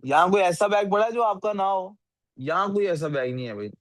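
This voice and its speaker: A man's voice: sits high, expressive, fairly quick, no echo. A male teacher giving a classroom lecture and often asking his students questions. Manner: asks the class frequent questions, scolds sleepy students.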